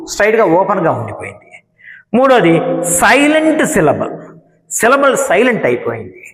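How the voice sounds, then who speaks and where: A middle-aged man with a Telugu accent, giving a classroom lecture and stretching out example words slowly as he explains. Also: high-pitched, a bit bright. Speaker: English teacher. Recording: echoey room with long reverb.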